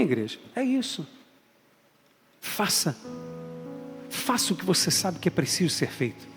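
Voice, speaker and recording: A man with a Brazilian Portuguese accent preaching a sermon as a bishop, emphatic and calling out to the congregation. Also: on the high side. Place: large church hall. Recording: long hall reverb, faint music.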